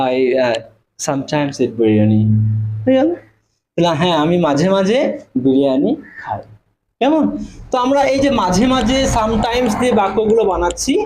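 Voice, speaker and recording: A man's voice: sits high, a little mellow, poor audio. Male teacher in a classroom, patient step-by-step explainer, light background noise. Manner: explains step by step, spells words letter by letter, checks in with "okay?". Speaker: English teacher. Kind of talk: classroom lesson in spoken English.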